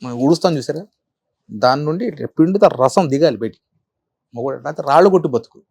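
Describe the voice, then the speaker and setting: A middle-aged man and comedian, telling animated stories in an interview, repeating phrases for effect. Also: a little high, fast, no room sound. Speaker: comedian guest. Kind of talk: storytelling interview.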